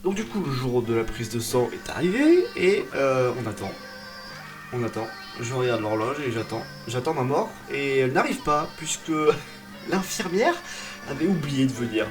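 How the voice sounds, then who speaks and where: A man's voice: medium pitch, big pitch swings, normal speed, music in the background. A young man telling a personal story in a comic vlog style, dramatic, exaggerated and self-mocking. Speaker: vlogger.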